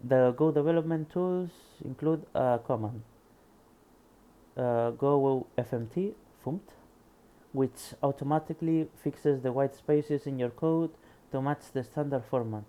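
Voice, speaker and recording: A man from Spain, with a Spanish accent and an unhurried, medium-pitched voice, reads a programming book aloud in a casual screen recording. Between passages he tries things out and quietly mutters to himself.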